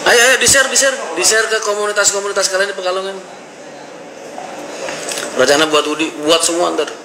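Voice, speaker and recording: The recording is echoey and full of loud background noise. A brisk, high-pitched male host banters in slang as he reads out viewer comments and chats casually on his livestream or vlog.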